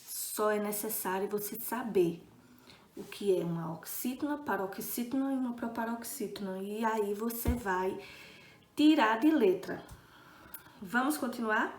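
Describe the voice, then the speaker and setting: A woman's voice: mid-range voice, measured pace, echoey room. A woman teacher giving a recorded video lesson, patient and checking in often with her students.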